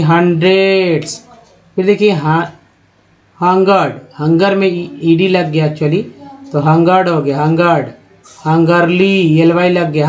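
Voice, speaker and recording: A man with a fairly high voice leads a spelling and pronunciation lesson. He stretches out words and breaks them into letters as he goes. The sound is dull and lo-fi. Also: darkish tone. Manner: slow, drawn-out word-by-word pronunciation drills. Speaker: English teacher. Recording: dull lo-fi audio.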